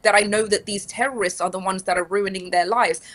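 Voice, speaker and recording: A woman's voice: mid-range voice, fairly even intonation, fairly quick, fairly bright tone. A young adult woman from Iran, a lawyer speaking as a guest in an interview, talking earnestly and emphatically. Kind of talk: interview conversation.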